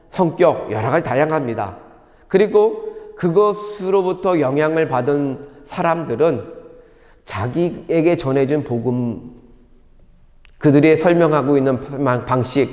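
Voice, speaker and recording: Korean pastor preaching in an echoing sanctuary. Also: male voice, a little high, a little mellow. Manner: measured teaching tone, rhetorical questions, occasional fillers. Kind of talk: sermon. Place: church sanctuary.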